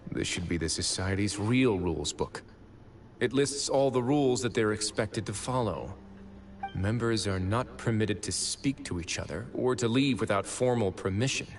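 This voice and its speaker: Speaking in a fairly low voice, a man voices a prison warden in an anime game, delivering his lines in a slow, deliberate way. The character comes across as composed, stern and protective.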